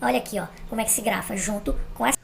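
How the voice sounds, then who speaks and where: A woman's voice: medium pitch, racing, vocal fry, a little hiss or hum. A woman explaining grammar step by step on video, checking that the viewer follows. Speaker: teacher.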